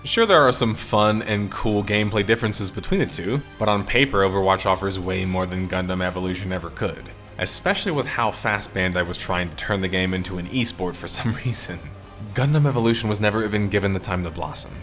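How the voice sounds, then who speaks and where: A man delivers scripted video-essay commentary in a fairly low voice. His voice sounds tired and strained, and his delivery is opinionated and wry. Faint music plays quietly beneath the narration. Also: a little fast. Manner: opinionated, wry, detective-themed wrap-up.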